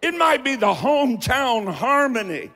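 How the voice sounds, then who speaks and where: A man with an Appalachian accent preaching a folksy, dramatic sermon with deliberate, theatrical emphasis and pauses. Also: extremely high pitch, sing-song, pushed and bright. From Appalachia, United States. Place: large hall, preaching to a congregation. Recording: echoing large hall with long reverb.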